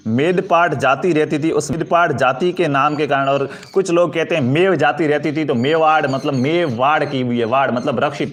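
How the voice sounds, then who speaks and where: A man teaching an exam-prep history lesson, asking questions and answering them himself while calling his students friends. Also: fairly high pitch. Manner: addresses students as friends, asks for comments and likes.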